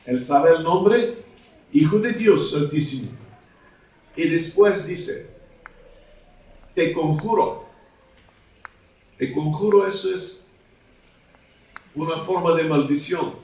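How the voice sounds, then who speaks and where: Slow-preaching evangelist man in echoey hall. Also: on the high side, darkish tone. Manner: slow, halting, asks congregation for words. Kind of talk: deliverance sermon. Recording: echoey hall, mic at a distance.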